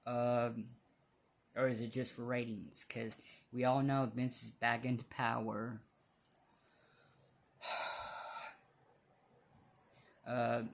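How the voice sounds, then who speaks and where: Speaking in a creaky, mid-range voice, this man offers blunt, casual opinions as a fan vlogger. His delivery halts and rambles along.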